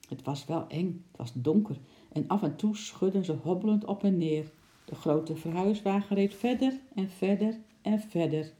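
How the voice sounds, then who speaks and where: A woman narrating a children's audiobook in a lively, expressive way, adding playful sound effects. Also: sits low. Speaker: storyteller.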